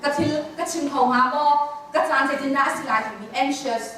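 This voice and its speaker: A high-voiced woman gives a counseling lecture at a conference and puts questions to her listeners. She sounds far from the microphone, and her voice rings through a large, echoing hall with a faint hiss underneath. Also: moderate pace, a bit bright. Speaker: conference speaker.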